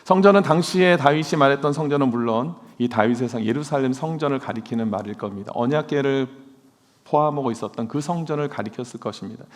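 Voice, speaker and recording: A man's voice: medium pitch, fast. A male pastor preaching a sermon in a church, earnestly asking his congregation questions. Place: church sanctuary. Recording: long church hall reverb.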